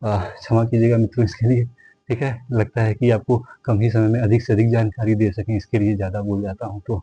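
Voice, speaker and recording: This is guided yoga instruction from a man with a Hindi accent whose lowish voice is warm and husky, with a flat, brisk delivery. He counts breaths, repeatedly calls his viewers friends, and reassures them to rest when tired and not push too hard. The recording is dry and lo-fi.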